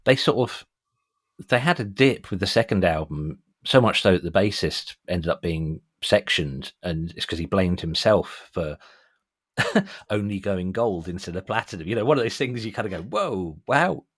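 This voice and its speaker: A man's voice: deep voice, normal speed, husky, no echo, clean studio sound. A middle-aged man, chatting casually and telling anecdotes as a music show host. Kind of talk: casual chat.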